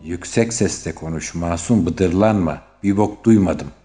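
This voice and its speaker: A man voicing a sharp-tongued young woman who scolds and curses at her partner in a comic sketch. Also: a little slow, faint music behind. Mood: furious. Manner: scolding, cursing, shrill.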